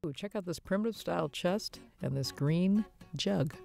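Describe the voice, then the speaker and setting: Over soft guitar music, a woman with a lowish, vocal-fried voice gushes enthusiastically about antiques and home decor. It's a casual shopping vlog voice-over delivered at a moderate pace.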